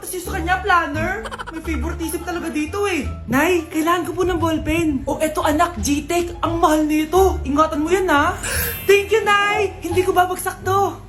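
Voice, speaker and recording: A woman's voice: very high-pitched, normal speed, reverberant, over loud music. A woman acting out family comedy skits, switching between a mother and her children. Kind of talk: comedy skits playing several roles.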